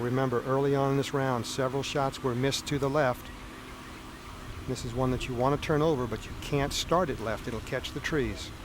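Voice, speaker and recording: A man giving measured, explanatory live golf commentary as a broadcast commentator. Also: mid-range voice. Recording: outdoor broadcast with crowd noise. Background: golf crowd and outdoor ambience.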